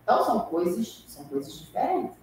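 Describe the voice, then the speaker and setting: A woman leading a spiritist study class, animated and acting out quoted voices, recorded far off in a hall. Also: on the low side, fairly quick. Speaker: study group lecturer. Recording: echoey room from far off, faint hiss.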